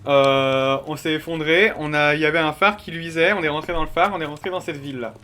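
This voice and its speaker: A young man casually talking to his chat while he plays a game. He is excitable, chatty and full of fillers, and he swears often. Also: fairly high pitch, fast talker. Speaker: streamer. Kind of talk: casual gameplay commentary to chat.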